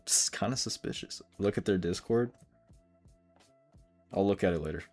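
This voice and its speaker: A man's voice: sits low, normal speed, darkish tone, faint music behind. A man streaming live day trading, casually explaining charts and answering questions from chat.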